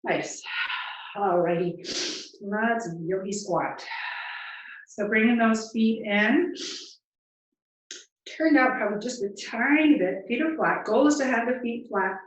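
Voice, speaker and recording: A woman leading a yoga class, giving calm, encouraging cues and counting breaths, a little out of breath as she moves. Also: on the high side, takes it slowly, long pauses. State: slightly out of breath. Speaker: yoga instructor. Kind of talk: guided yoga class instruction. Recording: distant, echoey, muffled room sound.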